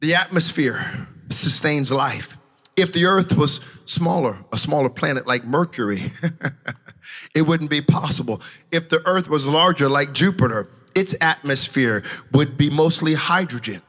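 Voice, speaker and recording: A man preaching a sermon in a church, passionately shouting in a sing-song preaching cadence. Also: fairly high pitch, animated, unhurried, long reverb tail. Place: church sanctuary.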